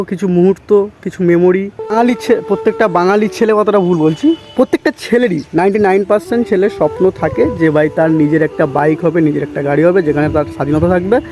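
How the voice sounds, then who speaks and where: Chatty young man with a high voice. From West Bengal, India. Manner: chatty, keeps saying "bhai" and "thik ache". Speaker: vlogger. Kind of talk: casual vlog storytelling. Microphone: handheld camera, self-filmed.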